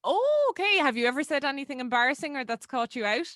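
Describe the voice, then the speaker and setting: A woman's voice: high voice, big pitch swings, fast, fairly bright tone, no room sound, clean studio sound. A woman hosting a radio interview, asking playful, teasing questions. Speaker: radio host. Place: radio studio.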